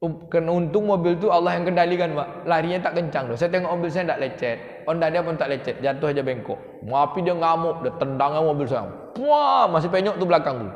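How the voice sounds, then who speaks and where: Ustaz in his 30s, high animated preaching voice, long hall reverb. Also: quick pace, few pauses, dull audio. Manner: animated storytelling, rising to emphatic exclamations. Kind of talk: lively dawn sermon.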